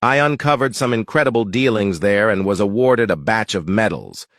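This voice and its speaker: A man's voice: lowish voice, normal speed, fairly bright tone, no echo, clean studio sound. A man voicing a talking mutt, a boastful retired spy, telling his story matter-of-factly in a joke. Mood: casual boasting.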